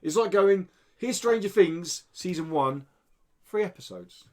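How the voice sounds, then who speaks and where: On a podcast, a man co-hosts a casual chat reviewing indie games, his high voice full of lively intonation. He keeps a measured pace while giving an enthusiastic, conversational spoken review.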